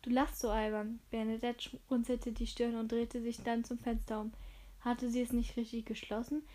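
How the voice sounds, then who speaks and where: A woman reading a novel aloud in steady scripted narration, with occasional slips. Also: a little high, normal speed. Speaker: audiobook narrator.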